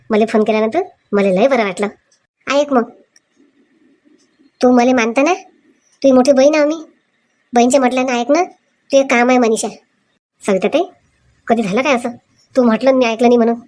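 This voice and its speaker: A woman acting in a comic village sketch, talking briskly and scolding. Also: fairly high pitch, a little mellow.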